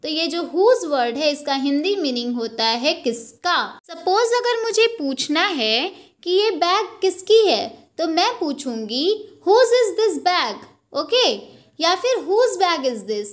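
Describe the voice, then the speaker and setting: A young woman teaching an English grammar lesson from slides, explaining slowly and checking in with "ok" after each point. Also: extremely high pitch, very animated. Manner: slow, explanatory, repeats points with "ok" and "theek hai". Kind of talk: slide-based lesson, Hindi with English terms.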